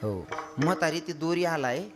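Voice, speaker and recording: Over music, a man with a fairly high pitch and lively intonation speaks at a moderate pace. As a kirtan preacher on stage, he delivers a comic devotional sermon, spinning stories and copying the wails of women.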